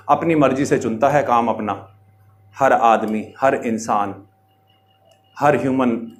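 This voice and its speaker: A middle-aged man giving a direct-to-camera monologue, exhorting his audience with rhetorical questions in a preachy, lecturing manner. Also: on the high side. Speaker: social media commentator.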